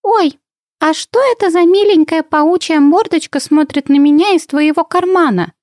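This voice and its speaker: Squeaky greedy guinea pig. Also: female voice, normal speed, darkish tone, dry recording, studio quality. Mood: playful. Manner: squeaky, giggly, flirty.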